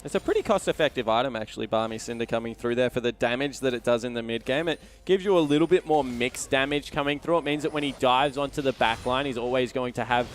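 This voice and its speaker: A man's voice: medium pitch, quick pace, few pauses. A man giving live color commentary on an esports match, explaining items and trades. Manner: analytical, explains builds and trades.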